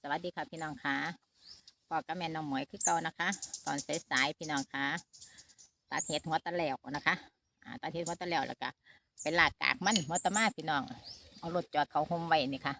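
A woman's voice: low voice, a little fast, pushed and bright, a little hiss or hum. A middle-aged woman with an Isan Thai accent, chatting casually to her viewers in a family vlog update, filming on a phone outdoors at a shaded farm. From Northeast Thailand. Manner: chatty, talks straight to viewers with many fillers. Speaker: vlogger mother. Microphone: handheld phone camera.

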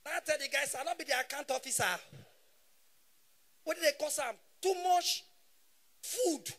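A man in his thirties performs stand-up comedy in a Nigerian Pidgin English accent. His voice is very high-pitched and his pace normal, and he's animated, shouting his punchlines.

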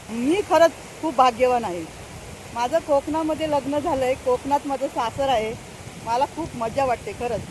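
A woman's voice: high voice, a little hiss or hum, low-quality recording. An older woman chatting casually to her viewers outdoors on a farm, talking to them often and laughing now and then. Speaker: farm vlogger. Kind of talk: casual vlog chat. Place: outdoors on a rural farm path.

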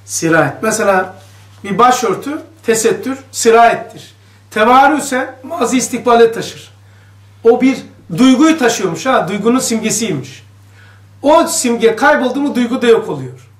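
In a high, fairly bright voice, a man reads a text to his religious study group and explains each passage casually, putting questions to the listeners as he goes. A cave-like echo hangs on his voice, and the room is echoey with him sitting distant from the microphone.

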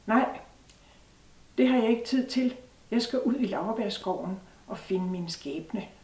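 A woman's voice: a little high, darkish tone, natural voice. A woman voicing a restless grown man who keeps asking where his fate is, recorded from a distance in a roomy space. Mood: dismissive. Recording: roomy sound from a distant mic.

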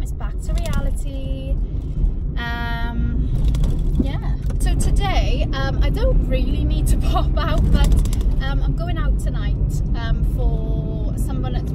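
Young British woman vlogger, fairly high voice, talking while driving, loud road noise, mic a little far off. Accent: British English. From England. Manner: rambling, chatty, lots of fillers. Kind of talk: casual chat while driving. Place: inside a car, driving. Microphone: phone camera on dashboard. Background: car and road noise.

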